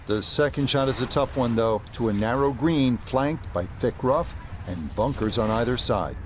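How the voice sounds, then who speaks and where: A man commentating on golf for a broadcast, with a polished, measured announcer delivery. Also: medium pitch, a little hiss or hum.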